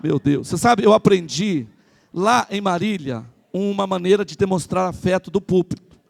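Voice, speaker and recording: A male pastor with a Brazilian Portuguese accent, preaching a lively sermon at a church service and calling out to the congregation. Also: high-pitched, normal speed, vocal fry. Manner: animated, calls out to the congregation.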